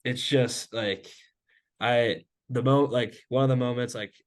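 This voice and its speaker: A man's voice: medium pitch, steady tone. Rambling young man, "like" everywhere. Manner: rambling, fills every pause with "like". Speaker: host. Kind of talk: casual sports talk.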